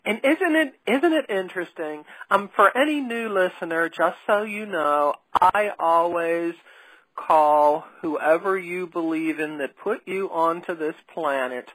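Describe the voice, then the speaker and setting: A woman's voice: on the low side, unhurried, fairly bright tone, slightly rough, no room sound, poor audio. A woman hosting a spiritual podcast interview, talking in an earnest, emphatic way. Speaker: podcast host.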